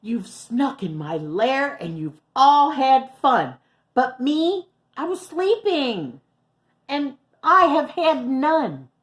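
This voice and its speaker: A woman voicing a big sulky bear in a storybook reading, loud and complaining. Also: sits high, sing-song, slow, voice pushed up, heavily acted. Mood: aggrieved.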